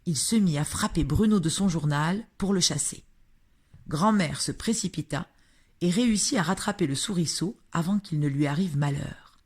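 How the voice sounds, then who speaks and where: A woman narrating an audiobook chapter in an expressive, measured reading. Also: lowish voice, breathy edge. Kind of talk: scripted narration.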